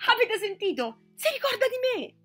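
A tiny, excitable man in a top hat squeals with delight in a high, loud voice, as a woman reading aloud puts him on. He gushes over every word in this storybook telling. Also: normal speed, faint music behind, exaggerated voice. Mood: star-struck. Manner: shrill and gushing.

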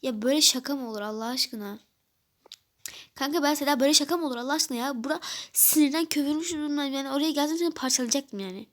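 A woman's voice: sits high, quick pace, lightly acted. A woman voicing a furious young girl friend in a toy game role-play, indignant and fuming.

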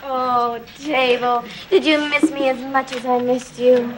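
A woman's voice: high voice, steady tone, measured pace, a little hiss or hum, low-quality recording. A woman playing a haughty rich woman with an arch, sarcastic way of talking.

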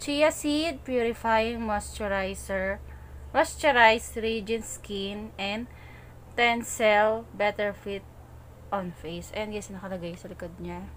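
A woman talking through a sheet mask. She reads label text slowly and carefully, then slips back into casual review chat. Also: mid-range voice, steady tone, fairly bright tone, a little hiss or hum, low-quality recording. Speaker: beauty vlogger.

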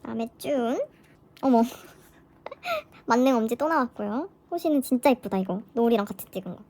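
A woman chatting casually through an unboxing vlog, gushing with excitement as a fan. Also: fairly high pitch, moderate pace, slight background noise. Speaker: vlogger.

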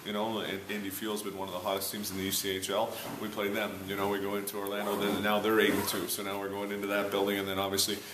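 A low-voiced man in his thirties talks quickly and evenly, like a hockey coach breaking down a game. He stacks fillers and restarts as he goes. The sound is roomy and echoey, with steady locker-room noise behind him. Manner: fast, filler-heavy recap with frequent restarts. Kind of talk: post-game interview. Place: arena locker room, indoors.

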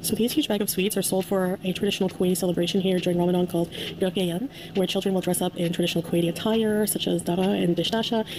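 A woman with a slightly low voice narrates her own vlog as a voice-over. She talks in a chatty, gushing and enthusiastic way. Background music plays clearly behind her. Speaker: vlogger.

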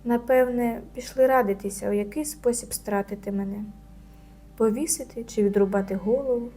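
Brief: a woman reading as a feisty schoolgirl in a children's audio story, a touch higher. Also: fairly even intonation, a little fast, warm tone, faint music behind, close to an everyday voice. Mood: worried musing. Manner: indignant, musing to herself. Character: proud, stubborn young schoolgirl.

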